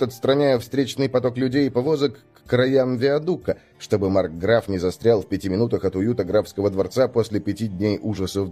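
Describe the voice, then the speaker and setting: A male narrator reads a fantasy story aloud in a scripted, expressive way. His intonation rises and falls widely. Soft music plays faintly underneath. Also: fairly low pitch. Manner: expressive, voices the characters. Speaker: audiobook narrator.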